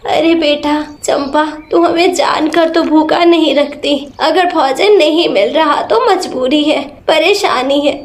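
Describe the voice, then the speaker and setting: A woman voicing an old sparrow grandmother who speaks slowly and mournfully, in a storybook tale. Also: sits high. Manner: slow, mournful. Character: elderly grieving sparrow grandmother. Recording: roomy echo.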